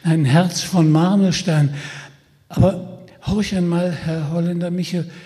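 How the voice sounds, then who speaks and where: A man's voice: high-pitched, steady tone, unhurried, warm tone. A man voicing a troubled, uneasy young man who pleads and questions, with long reverb.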